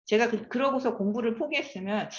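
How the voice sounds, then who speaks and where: A woman's voice: fairly high pitch, fairly quick. A woman in her fifties giving a lecture, often asking the audience questions. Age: 50s. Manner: animated, asks the audience questions. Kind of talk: classroom lecture. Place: lecture room. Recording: echoey room, slightly dull sound.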